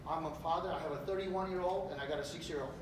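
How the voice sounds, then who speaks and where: A man's voice: on the high side, fast. Man giving a campaign speech. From Romania. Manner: animated, gesturing while speaking. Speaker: political candidate. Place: large hotel meeting room. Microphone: far camera. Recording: echoey room, distant mic, background noise.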